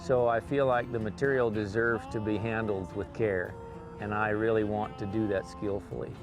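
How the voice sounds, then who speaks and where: A man's voice: fairly low pitch, little pitch movement, moderate pace. A mature man, a working cowboy and performer, talking reflectively in an interview. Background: music under the voice.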